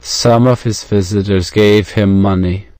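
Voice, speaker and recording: Low, smooth British male narrator. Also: steady tone, measured pace, a little mellow, no echo. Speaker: audiobook narrator. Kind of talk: scripted story narration for English learners.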